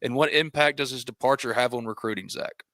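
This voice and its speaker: A man's voice: mid-range voice, fast, fairly bright tone, no room sound, studio quality. A man hosting a live sports talk stream, reading viewer questions and sponsor thanks with a joking manner. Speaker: show host.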